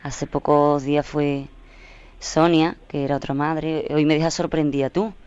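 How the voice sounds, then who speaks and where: A man's voice: a little high, flat delivery, measured pace, a little mellow, close to an everyday voice. A man voicing an affectionate female fortune-teller therapist on a talk radio show, calling callers fond pet names. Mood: sympathetic. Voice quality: smooth, fond terms of endearment. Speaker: co-host. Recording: slightly dull lo-fi sound.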